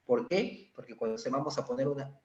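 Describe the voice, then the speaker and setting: A man's voice: mid-range voice, a little fast, a little mellow. A male anatomy lecturer explains slides step by step and keeps checking in with his students. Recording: echoey, dull lo-fi sound.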